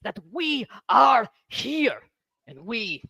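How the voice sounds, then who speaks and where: A man's voice: extremely high pitch, very animated, vocal fry, slightly rough, dry recording, exaggerated voice. A man voicing a fervent zealot warrior in a tabletop game, declaiming emphatically and rallying outcasts. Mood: rousing. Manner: declamatory, slow emphatic oratory with shouted bursts.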